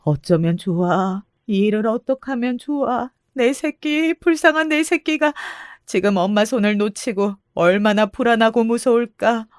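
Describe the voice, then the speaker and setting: A woman's voice: sits low, steady tone, no room sound, clean studio sound. A woman doing a devoted, fretting mother. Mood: panicked. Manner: slow, gentle, fretting. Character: caring middle-aged mother, anxious and devoted.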